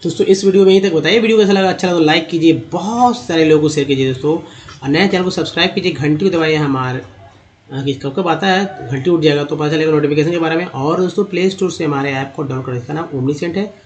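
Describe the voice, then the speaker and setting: A man with a Hindi accent gives a screen-share phonics lesson in a somewhat high voice. He reads English word lists slowly and draws each word out. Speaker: English teacher.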